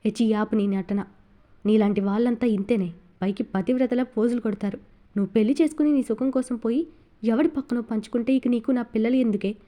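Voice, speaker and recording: A woman's voice: fairly high pitch, fairly quick, warm tone, lightly acted. A woman reading Vasu, a sneering cruel husband. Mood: contemptuous. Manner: taunting, contemptuous. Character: cruel sneering middle-aged man, abusive husband.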